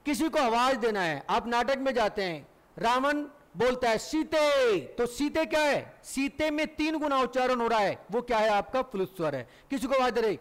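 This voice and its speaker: High-voiced male Hindi teacher lecturing. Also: expressive, normal speed, fairly bright tone. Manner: asks the class questions and answers them himself, stretches vowels to demonstrate. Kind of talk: classroom lecture.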